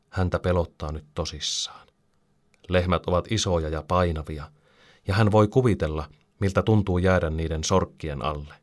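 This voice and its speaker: Brief: low-voiced male narrator, calm storybook delivery. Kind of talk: storybook reading.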